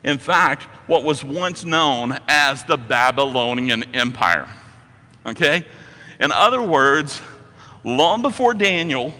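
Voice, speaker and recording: Bright-voiced man preaching in a reverberant hall. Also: a little high, lively intonation, takes it slowly. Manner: emphatic storytelling with repeated phrases. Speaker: pastor. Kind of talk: sermon.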